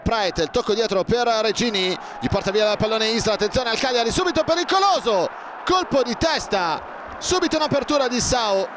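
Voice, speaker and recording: A man commentating on football in breathless, excited goal-call style, shouting and stretching out his words. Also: sits high, fairly quick. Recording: crowd roar and stadium noise behind. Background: loud stadium crowd.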